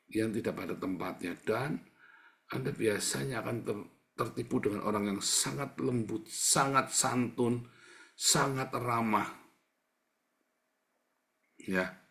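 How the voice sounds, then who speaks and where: A man preaching a sermon in a conversational, emphatic way, repeating words for stress. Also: lowish voice.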